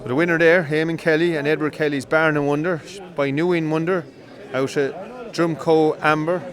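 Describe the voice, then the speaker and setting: A man giving live commentary on greyhound coursing from an outdoor field, brisk and rising with excitement during the runs. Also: on the high side. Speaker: race commentator.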